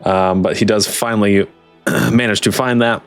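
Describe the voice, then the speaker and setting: A man's voice: on the low side, fairly even intonation, moderate pace, smooth, soft background music. A man working as game master, improvising tabletop game narration in an informal, chatty way.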